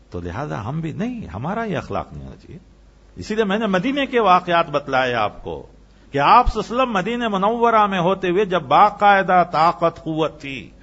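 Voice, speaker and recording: A male Islamic preacher giving an impassioned sermon, rising to emphatic peaks and then dropping low. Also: a bit bright, muffled recording.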